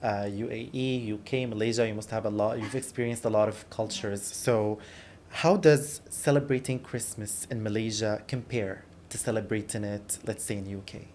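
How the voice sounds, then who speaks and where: A man's voice: lowish voice, steady tone, normal speed, a little mellow. Friendly male podcast host with faint room noise. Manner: friendly, question-led, occasional restarts. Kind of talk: hosting a casual interview. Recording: faint background noise in a studio.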